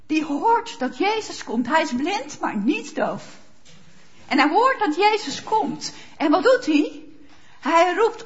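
A woman's voice: sits high, highs cut off. A woman preacher giving a sermon, speaking emphatically and asking rhetorical questions of her listeners. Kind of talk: sermon with Bible reading.

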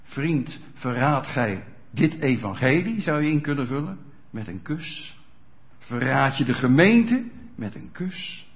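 A man's voice: medium pitch, big pitch swings, takes it slowly. A man preaching a sermon in a conversational way, often checking whether listeners are following, in a dull lo-fi recording. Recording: dull lo-fi sound.

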